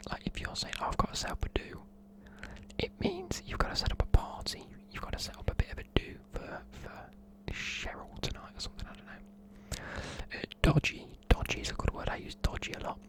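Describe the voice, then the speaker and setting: Here a UK presenter with a British accent whispers informal, friendly explanations of slang, ASMR style. The speech runs a little fast, and the audio quality is poor.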